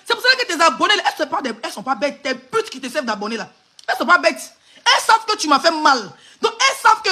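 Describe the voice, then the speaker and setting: A woman's voice: high-pitched, bright, forceful tone. A woman with an Ivorian French accent on a phone live stream, hurling insults and mocking laughter in an angry rant.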